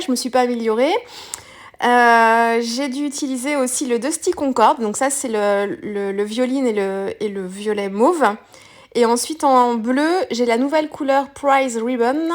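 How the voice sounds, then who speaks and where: A woman whose voice is a little higher than most demonstrates a craft project step by step, relaxed and unscripted. She sounds hesitant, pausing with fillers and correcting herself as she works.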